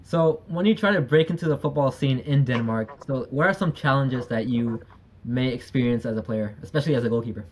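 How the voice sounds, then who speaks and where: A man's voice: medium pitch, brisk, slight background noise. A man hosting a podcast, opening the show and asking the guest questions in an upbeat way. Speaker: podcast host.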